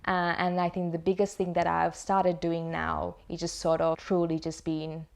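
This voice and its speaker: A woman's voice: fairly low pitch, monotone, normal speed, vocal fry, darkish tone. A young woman from Sri Lanka speaking casually about her own experience, full of fillers and restarts. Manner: rambling, many fillers and restarts. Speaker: interviewee sharing lived experience. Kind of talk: casual testimonial.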